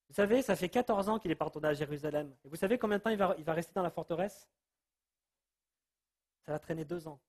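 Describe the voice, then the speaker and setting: A man giving an informal Bible teaching, telling the story in a lively way and acting out the people he quotes. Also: on the high side, a little fast, pauses often. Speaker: preacher.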